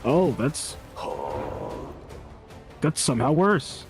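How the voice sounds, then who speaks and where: A man's voice: on the high side, expressive, drawn-out words, over music. A man streaming a game, making dry, sarcastic remarks at what happens on screen. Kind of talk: casual gameplay chat.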